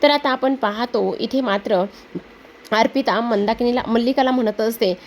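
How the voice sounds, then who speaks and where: A woman retelling a TV serial episode scene by scene, reading out each character's lines in the same steady voice. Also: on the high side, normal speed, slight background noise. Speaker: serial recap narrator.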